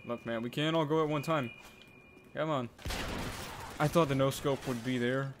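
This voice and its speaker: A young man giving live commentary on a shooter game, frustrated and swinging between yelling and muttering. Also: medium pitch, moderate pace, background noise. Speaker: gaming YouTuber. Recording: game gunfire loud behind voice. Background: game gunfire and explosions.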